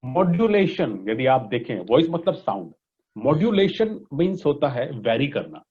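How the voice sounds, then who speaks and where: An Indian-accented man being interviewed as a voice modulation coach explains things didactically, switching between Hindi and English and often checking in with "right?" and "okay?". His voice is medium-pitched and a little mellow, with big pitch swings at a moderate pace, and the recording sounds dull and lo-fi.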